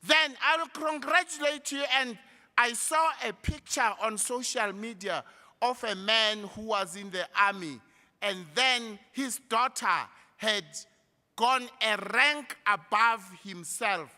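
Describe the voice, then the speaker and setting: A man with a South African accent giving a graduation address in a large hall. He speaks slowly and emphatically, rising like a preacher on key points. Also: high voice, pushed and bright. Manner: slow, emphatic speechmaking with a preacher-like rise. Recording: reverberant hall through a PA.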